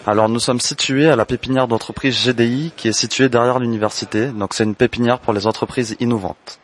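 A man in his twenties from French Guiana, answering interview questions about his business in a measured, explanatory way. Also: medium pitch, steady tone. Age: 20s. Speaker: entrepreneur, candle maker.

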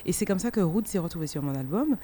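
Lowish-voiced woman telling a story. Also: fast, slight background noise. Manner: laughs easily, animated when amused. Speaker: singer, pianist and vocal coach. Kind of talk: interview, relaxed storytelling.

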